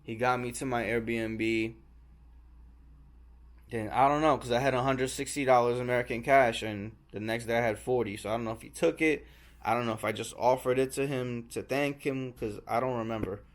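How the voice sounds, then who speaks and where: A young man talks into a small handheld camera, retelling a rough night abroad in a loose, rambling way. His voice sits at an ordinary middle pitch. He slips into quoted dialogue often and swears casually as he goes. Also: steady tone, normal speed. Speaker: travel vlogger. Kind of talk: casual storytelling vlog.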